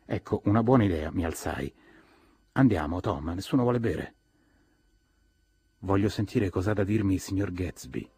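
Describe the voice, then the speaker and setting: A man's voice: sits low, expressive, moderate pace, pauses often, warm tone, breathy edge. A man reading a novel aloud as an audiobook, acting out the characters' lines with a raised voice. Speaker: audiobook narrator.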